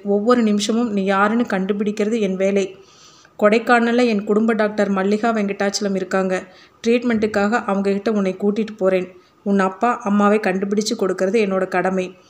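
A woman narrating an audiobook gives voice to a troubled, earnest father making his plea. He speaks quickly in long stretches, and his pitch stays flat throughout. The voice sounds natural.

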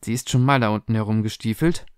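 A man voicing a frightened teenage daughter who talks high, excited and breathless, in a spoken storybook reading. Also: fast talker, smooth, dry recording, clean studio sound, close to an everyday voice. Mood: upset.

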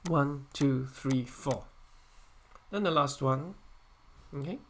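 A man teaching an engineering software lesson while hiccuping and coughing, often correcting himself and counting points aloud. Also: medium pitch, slow, slight background noise. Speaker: engineering tutor. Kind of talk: screen-recorded software tutorial.

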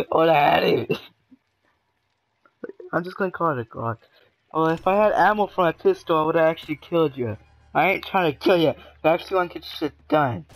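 Brief: young male gamer, animated, profane, quick laughs, high-leaning voice. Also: no echo, poor audio. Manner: excitable, swearing, laughing often. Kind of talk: casual gaming commentary.

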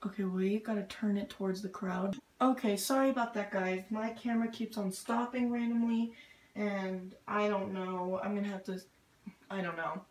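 A woman's voice: medium pitch, fairly even intonation, normal speed. A woman giving casual let's-play commentary, impatient, swearing and muttering to herself as she plays. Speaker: gamer. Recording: echoey room. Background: loud game music.

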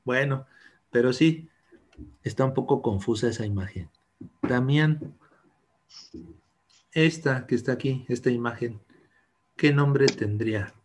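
A man's voice: mid-range voice, a little slow, pauses often. A man teaching English to children in an online class, patient and encouraging, mixing English and Spanish. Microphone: video call.

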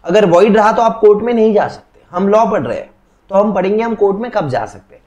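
Young guy with a high voice teaching law, chatty and joking, telling stories to explain stuff. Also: expressive, quick pace, a little mellow. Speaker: law lecturer. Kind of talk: casual classroom lecture.

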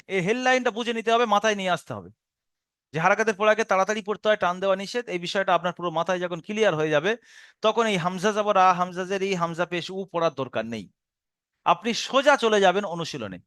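A high-pitched man with a Bengali accent walks learners through a Quran reading lesson one careful step at a time. His voice is smooth and resonant, recorded close and dry with no room sound. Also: animated, fairly bright tone, dry recording. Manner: patient step-by-step explanation, spelling out syllables slowly.

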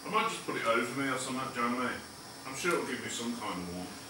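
A man's voice: medium pitch, sing-song, very fast, noisy background. Jokey man in an echoey stone hut. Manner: jokey, laughs often. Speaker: hiker. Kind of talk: casual chat. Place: dark stone bothy, indoors. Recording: echoey stone room from far off.

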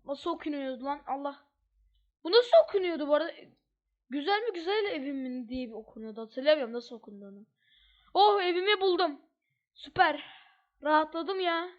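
A woman's voice: high-pitched, animated, brisk, long pauses. A woman giving casual, chatty gameplay commentary as she plays, thinking aloud with slangy asides. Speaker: gamer. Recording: dull lo-fi mic.

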